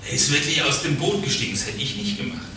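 A man's voice: a little high, lively intonation, fast, creaky, pushed and bright, soft background music. A man leading a conversational Bible study, often repeating words and checking in with his listeners. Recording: very echoey room, distant mic, faint noise.

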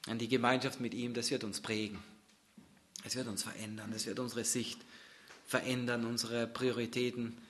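A man preaching a sermon in German, dropping to a near-whisper at times and then swelling loud with intensity. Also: mid-range voice, level tone, moderate pace, slight background noise.

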